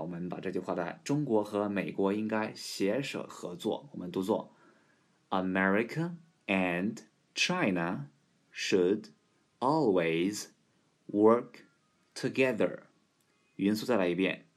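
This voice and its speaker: A man hosting an English pronunciation lesson, showing how to say each word slowly and repeating it several times. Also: on the low side. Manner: demonstrates words slowly and repeats them. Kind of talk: slow spoken language lesson.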